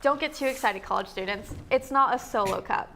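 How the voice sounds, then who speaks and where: A woman's voice: on the high side, brisk, gravelly, a bit bright, slight background noise. A young woman co-hosting a student local news feature, reading an upbeat, jokey script with small stumbles. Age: young adult.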